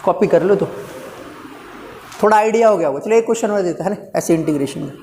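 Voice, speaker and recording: A man's voice: high voice, fast talker, warm tone. A male physics teacher lecturing a live class, coaxing and teasing his students as he talks through each step aloud. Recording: reverberant classroom, faint background noise.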